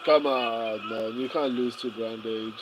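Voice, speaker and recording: A man's voice: medium pitch, fairly even intonation, unhurried, very noisy. A man hosting a casual fight watch-along stream, reading viewers' comments aloud with a laid-back, chuckling manner and lots of fillers and restarts.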